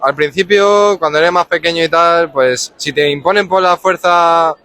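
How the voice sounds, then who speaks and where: Calm, slightly high-voiced Spanish man. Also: clean tone. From Spain. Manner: calm, measured, reflective. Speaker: street interviewee. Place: outdoors on a street.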